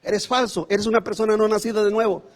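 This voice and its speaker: A man delivering a fiery sermon as pastor, his voice sitting very high. He presses his points by repeating phrases and addresses listeners as brother. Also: fairly even intonation, fast.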